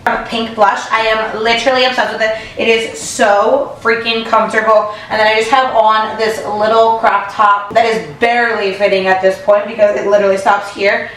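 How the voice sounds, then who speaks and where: A woman's voice: a little high, level tone, moderate pace, few pauses, fairly bright tone, reverberant, a little hiss or hum, low-quality recording. A young woman talking casually to camera in a vlog, gushing and filling her talk with "like" and "literally". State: tearful, close to crying. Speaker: vlogger.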